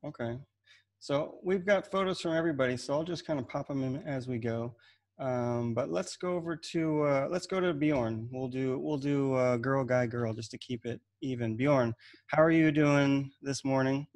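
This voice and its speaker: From a room at home with shelves of gems, a man in his thirties moderates an online panel over a video call. He speaks at medium pitch and moderate pace, loose and relaxed, often repeating words and restarting.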